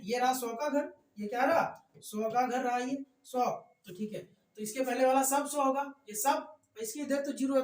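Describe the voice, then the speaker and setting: A man teaching a math lecture in class, repeating points and often checking that students follow. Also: very high voice. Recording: echoey room, voice far from mic.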